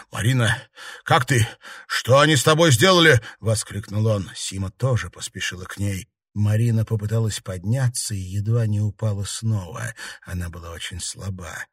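A man reading an audiobook, narrating in a steady, measured way. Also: on the low side, dry recording, studio quality. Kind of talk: scripted narration.

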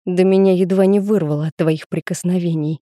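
A woman narrating a first-person audiobook in a steady, intimate storytelling manner on a close studio mic. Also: on the low side, fairly quick, dry recording.

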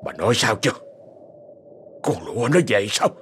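A man voicing a drowsy, irritated old rural landlord who talks slowly. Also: on the low side, very animated, a little hiss or hum. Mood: groggy.

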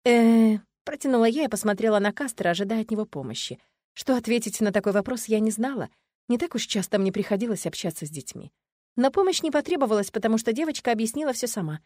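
A woman reading a first-person audiobook in a measured, expressive storytelling manner. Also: fairly high pitch, no echo, studio quality. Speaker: audiobook narrator.

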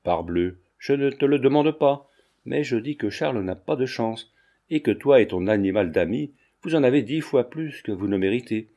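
A man voicing a blustery, domineering old male lawyer who scolds gruffly, read from a classic novel. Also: medium pitch, lively intonation, normal speed, warm tone, close to an everyday voice. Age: older.

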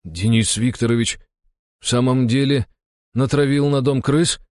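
A man's voice: mid-range voice, steady tone, measured pace, darkish tone, dry recording, clean studio sound, pitched above the performer's own voice, natural voice. A man voicing a bewildered, loyal guardsman in an audiobook, stunned and pleading.

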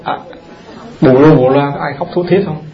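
A man, a Buddhist monk, giving an animated dharma talk in a temple hall, often turning to the audience with questions. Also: a little high, normal speed, muffled recording.

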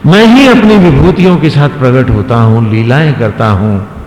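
A man voicing a calm, gentle male god in a sermon story, speaking slowly and solemnly in a gently instructive way, in an echoey hall. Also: mid-range voice, close to an everyday voice. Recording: echoey hall, faint background noise.

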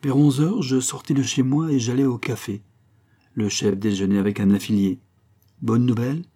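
A man reading a novel aloud in a measured, expressive audiobook narration. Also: medium pitch.

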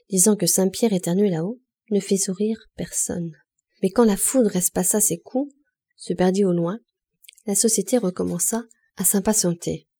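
A woman narrates a classic novel as an audiobook, her reading steady and measured. Her voice is medium in pitch with a breathy edge.

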